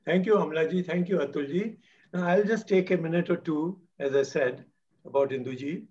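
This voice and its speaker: A man in his sixties with an Indian English accent hosts a memorial gathering, calling on speakers and easing the mood with small jokes. His voice sits a little high for a man. The sound is dull and lo-fi. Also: moderate pace. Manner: warm moderator, light jokes, switching into Hindi. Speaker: event host.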